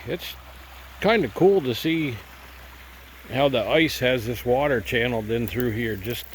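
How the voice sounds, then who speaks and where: A gold prospecting vlogger with a head cold narrates casually beside a cold stream outdoors, easygoing and rambling a bit as he thinks aloud. His voice is mid-range, with a little hiss or hum on the recording.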